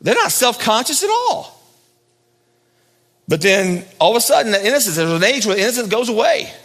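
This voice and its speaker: A pastor preaching a sermon at a pulpit microphone, swinging from loud high emphasis down to low hushed lines. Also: male voice, sing-song, normal speed, in a large hall.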